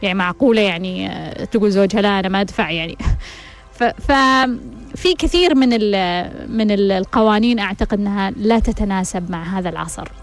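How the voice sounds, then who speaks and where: Woman, advice host, blunt, rhetorical questions, rapid delivery. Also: mid-range voice, animated. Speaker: advice host answering listeners. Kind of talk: frank advice talk.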